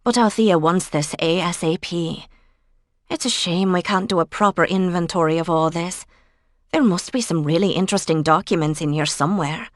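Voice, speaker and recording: Brisk, practical woman researcher, as a woman narrator reads her. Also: on the low side, no echo, studio quality, natural voice. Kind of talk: cozy mystery audiobook dialogue.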